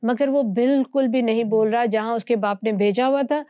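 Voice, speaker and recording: A woman's voice: a little high, steady tone, dry recording, dull audio. A woman teaching from the Bible in conversation, earnest and fond of rhetorical questions.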